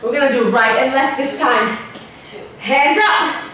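Out of breath from exercising along, a female fitness instructor coaches a workout with short, encouraging cues. Her high, bright voice is a little slow and carries a forceful tone. Captured from far off in a roomy space, the clip has slight background noise.

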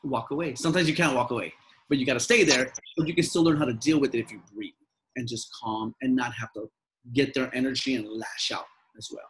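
A man's voice: medium pitch, a little fast, a little hiss or hum, poor audio. A man who works as a mindfulness coach, answering interview questions in an earnest, repetitive way, often acting out the lines he quotes. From Southern California.

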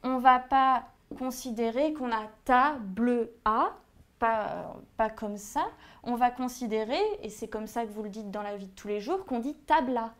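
A woman's voice: fairly high pitch, a little slow, a bit bright. A young woman teaching an exam revision lesson, hesitant and full of fillers as she writes on a board. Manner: hesitant, many "euh" fillers. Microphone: writing on a board while talking.

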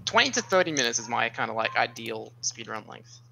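A man giving casual race commentary, animated and joking, with a mock-indignant streak. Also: medium pitch, brisk, creaky, a little hiss or hum, low-quality recording.

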